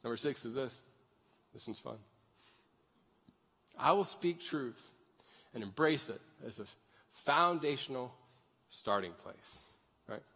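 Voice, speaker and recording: A man's voice: mid-range voice, lively intonation, takes it slowly, pauses often, sharp tone. A man of thirty preaching a conversational sermon to a church crowd and asking them to raise their hands. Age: 30s. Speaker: pastor. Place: large church sanctuary. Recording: long hall reverb.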